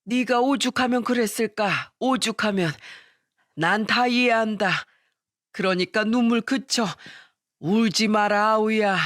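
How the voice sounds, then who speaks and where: A woman voicing a gentle forgiving old man. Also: mid-range voice, a little slow, dry recording, clean studio sound, lightly acted. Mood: reassuring. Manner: gentle, reassuring. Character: kind, forgiving older man.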